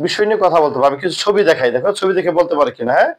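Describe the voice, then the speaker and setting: A man from Bangladesh teaching English words to young children in a madrasa classroom, coaxing them to repeat after him and to say it louder. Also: on the high side, expressive, very fast. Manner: coaxing, repetitive drilling, urging pupils to repeat louder. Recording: noisy classroom with children's chorus. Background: children chanting answers.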